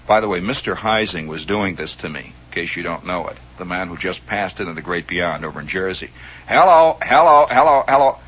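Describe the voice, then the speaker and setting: A man telling a story in a radio monologue, animated and chuckling as he acts out the scenes, on a dull lo-fi recording. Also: low voice, a little hiss or hum.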